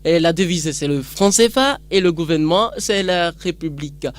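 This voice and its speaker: High-voiced radio host man. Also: expressive, moderate pace. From Togo. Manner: announcing, informative. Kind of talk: radio presenting.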